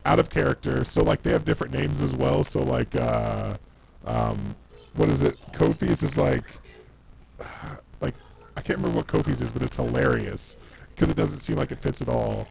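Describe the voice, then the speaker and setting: A man's voice: medium pitch, huge pitch swings, normal speed, creaky, darkish tone, a little hiss or hum. A man in casual chat, his voice coming through with a robotic, transformer-like distortion, rambling with many fillers. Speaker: podcast co-host.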